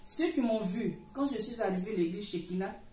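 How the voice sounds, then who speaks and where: A woman's voice: mid-range voice, fairly quick, dark tone. Earnest woman giving a church testimony. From Africa. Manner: earnest, repetitive storytelling with many restarts. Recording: roomy echo, far from the mic, faint noise.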